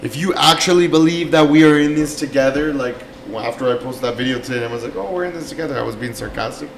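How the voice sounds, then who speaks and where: A man's voice: medium pitch, steady tone, quick pace, gravelly, a little hiss or hum. A man co-hosting a casual podcast chat, earnestly urging listeners to check on their friends. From Canada. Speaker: podcast co-host.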